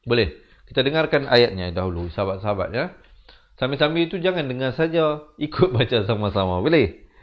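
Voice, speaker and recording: Male tajwid teacher, Malaysian Malay accent, mid-pitched, explains fast and drops quiet at phrase ends; slightly dull recording. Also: animated. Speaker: Quran recitation teacher. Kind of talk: tajwid lesson, explaining and demonstrating recitation.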